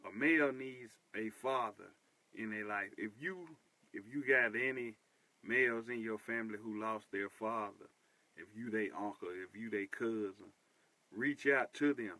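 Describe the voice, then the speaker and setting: A man's voice: fairly low pitch, pushed and bright, no room sound, rough recording. A man in his thirties hosting a show, talking earnestly about his life in a personal monologue, repeating points for emphasis. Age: 30s. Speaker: host.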